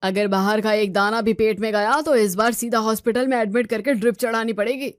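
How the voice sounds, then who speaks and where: A woman's voice: on the high side, steady tone, fairly quick, dry recording, clean studio sound, close to an everyday voice. A woman voicing a strict male doctor who gives firm warnings. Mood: stern.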